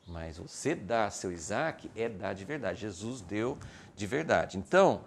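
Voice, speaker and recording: A man teaching a recorded Bible class, speaking in an animated way, acting out imagined questions and filling his talk with restarts and fillers. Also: on the low side, a little slow, vocal fry, a little hiss or hum.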